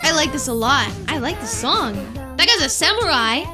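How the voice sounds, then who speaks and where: High-pitched, animated, easily amazed woman. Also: normal speed. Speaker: VTuber reacting to anime openings. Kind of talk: excited reaction commentary, casual chat. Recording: music playing behind the voice. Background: anime theme songs.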